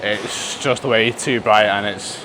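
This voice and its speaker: A man's voice: on the low side, fairly even intonation, slow, noisy background. A man muttering casually and thinking aloud as he films a gym vlog. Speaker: fitness vlogger. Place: indoor gym.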